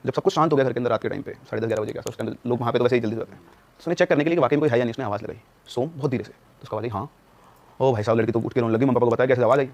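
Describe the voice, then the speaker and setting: Fast-talking young man telling a ghost story. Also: mid-range voice, a little mellow. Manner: acts out quoted dialogue in changing voices. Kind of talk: animated storytelling.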